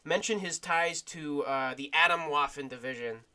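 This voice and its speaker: Bright goofy gaming streamer, man. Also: fairly high pitch, moderate pace, clear, resonant tone. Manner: goofy, rambling, bursts of shouting. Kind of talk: casual gaming commentary.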